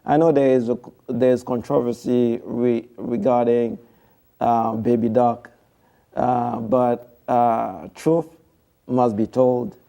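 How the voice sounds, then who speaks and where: Man from haiti, dark gravelly voice, formal and churchy, lots of uhs, studio guest. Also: medium pitch, flat delivery, slow pace. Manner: formal, devotional phrasing with hesitant fillers. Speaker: TV producer, guest. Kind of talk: studio interview.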